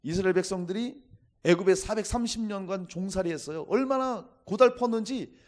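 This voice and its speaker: A man's voice: high voice, a little fast. A man preaching a Sunday sermon as pastor, emphatic and exhorting his congregation again and again.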